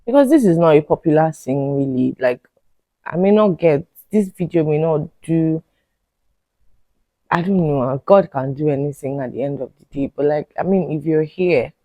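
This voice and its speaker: A young woman, hosting a podcast and chatting casually through a story with animated asides and laughs. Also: low voice, moderate pace, no echo, rough recording. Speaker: podcast host.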